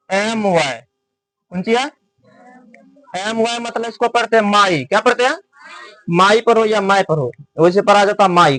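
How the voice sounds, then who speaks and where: A teacher stands before his class and drills them in a slow, repetitive rhythm. He spells words letter by letter and throws questions back at the students for them to answer. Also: high-pitched. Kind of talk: classroom lesson.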